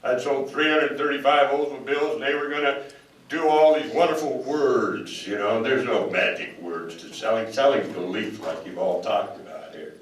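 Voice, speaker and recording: A man's voice: medium pitch, normal speed, slight background noise. Older man telling folksy stories in echoey hall. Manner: folksy, anecdotal, quotes others in voices. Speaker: speaker. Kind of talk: storytelling speech. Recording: echoey hall, mic at a distance.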